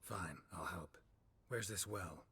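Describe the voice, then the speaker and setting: An actor playing a terse, gruff male monster hunter in a video game, speaking curtly in a low, gravelly, half-whispered voice. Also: takes it slowly, pushed and bright, slight background noise, exaggerated voice. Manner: curt, matter-of-fact questions.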